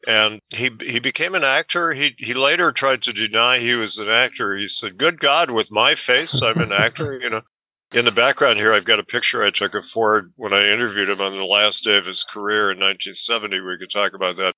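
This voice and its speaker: A man with a lowish voice gives conversational, explanatory interview answers. His sound is very sharp and dry, with the tinny tin-can tone of a poor microphone. He feels his way through phrases as he explains. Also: fairly even intonation, a little fast, no room sound. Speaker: interview guest, author and film professor. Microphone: poor makeshift microphone.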